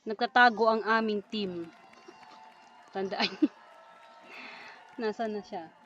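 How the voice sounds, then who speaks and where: A woman's voice: mid-range voice, extremely slow, a bit bright, dull audio. A woman playing a game alongside her child, chatting casually, teasing and laughing, and scolding the noise. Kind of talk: casual gameplay chat.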